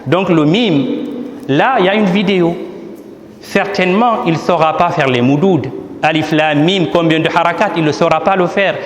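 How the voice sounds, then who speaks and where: A man's voice: on the high side, moderate pace, slight background noise. Patient man teaching in an echoey hall. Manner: patient, explanatory, asks and answers his own questions. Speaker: imam presenting his book. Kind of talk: teaching talk at a book presentation. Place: large hall at a ceremony. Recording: echoey hall with long reverb.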